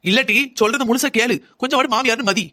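A woman's voice: fairly high pitch, fast talker, bright, forceful tone. A woman voicing an anxious older mother-in-law in a cartoon drama, pleading, lamenting and scolding by turns.

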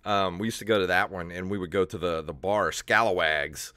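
Podcast host, man, 30s, animated storyteller, low voice, dry close headset. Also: a little fast, smooth, no echo. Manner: animated storyteller, laughs often. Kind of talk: casual chat. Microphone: headset on video call.

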